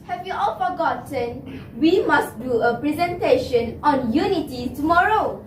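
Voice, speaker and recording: Casting: Malaysian female soloist, high voice, slow declamatory stage delivery, recorded far off in an echoey room. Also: lively intonation. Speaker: solo speaker in a choral speaking team. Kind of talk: rehearsed stage recitation. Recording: distant, echoey hall with background noise.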